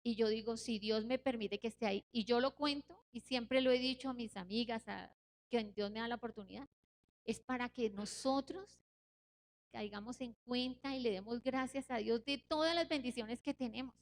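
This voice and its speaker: A woman's voice: a little high, slight background noise. Earnest woman giving a spoken sermon. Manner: earnest, personal testimony, slows to stress points. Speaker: Bible study leader.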